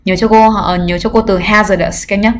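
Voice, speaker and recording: A woman English teacher giving a livestreamed exam review lesson, explaining patiently and pausing on filler sounds. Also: medium pitch, fairly even intonation. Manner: explains patiently, often adds "các em" and "nhá"; frequent filler hesitations. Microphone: computer mic during livestream.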